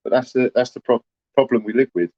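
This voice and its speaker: A man's voice: mid-range voice, quick pace, dark tone, dry recording, dull audio. A man, chatting casually to livestream viewers in a rambling, aggrieved way, full of "you know".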